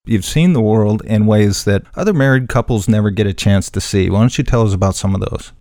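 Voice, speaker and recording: Low-voiced man hosting a radio interview. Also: fairly quick, warm tone, dry recording, studio quality.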